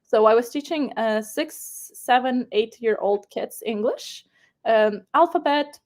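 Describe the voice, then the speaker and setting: In an interview, a young woman recounts her story with a Ukrainian accent and a somewhat high voice. Quick laughs, restarts and fillers run through her loose, animated way of talking.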